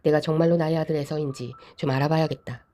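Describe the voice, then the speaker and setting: Lady reading a solemn old patriarch, low mellow voice, quick pace. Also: fairly even intonation, natural voice. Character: aged blind father, solemn patriarch.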